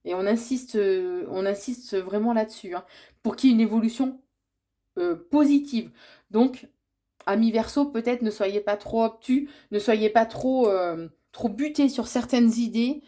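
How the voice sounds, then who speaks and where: Her voice is fairly high and warm, a little slow, and congested from a cold. As a tarot reader delivering a yearly horoscope, she speaks hesitantly with many fillers and restarts, passing along messages she says she is receiving.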